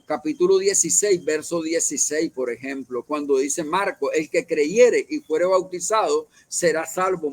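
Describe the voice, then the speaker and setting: A man's voice: a little high, a little mellow, no room sound. A man leading a Bible study, explaining at length, with many fillers and self-corrections. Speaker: church leader.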